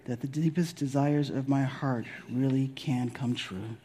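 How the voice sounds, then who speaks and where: A man leading a guided spiritual meditation in a deliberate, soothing, gently instructive way with long pauses. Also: medium pitch, steady tone, a crowd in the background. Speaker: spiritual leader guiding a meditation.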